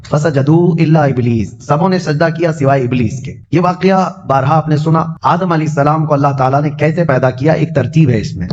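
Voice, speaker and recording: Guy giving a ramadan sermon, tells stories, chants verses slow, kinda muffled audio. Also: mid-range voice, a little mellow. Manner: storytelling, chants Quranic verses slowly. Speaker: preacher.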